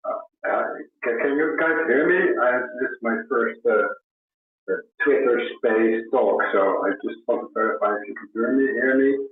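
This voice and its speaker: Man, on speakerphone, casual chat, halting, mid-pitched, heavy room echo, thin phone-line sound. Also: faint music behind. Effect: on speakerphone, echoey phone audio. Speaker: participant in a live audio chat room. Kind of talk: casual discussion. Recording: echoey, tinny speakerphone line.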